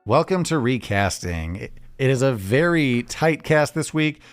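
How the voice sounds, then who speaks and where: A man's voice: medium pitch, animated, unhurried, loud music behind the voice. A man hosting a casual podcast chat, easygoing and leading the segments. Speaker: podcast host.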